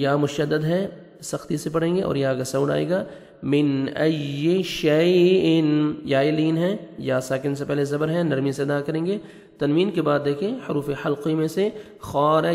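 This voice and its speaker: Patient Pakistani Urdu-speaking teacher explaining recitation rules. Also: male voice, a little high, creaky, a little mellow, long reverb tail. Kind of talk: tajweed lesson, explaining rules between recited verses.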